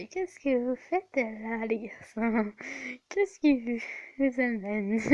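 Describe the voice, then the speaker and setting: A woman playing through a story game, reading it aloud and reacting in an excitable way, laughing often and protesting loudly. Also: a little high, no echo. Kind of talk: let's play, reading choices and reacting.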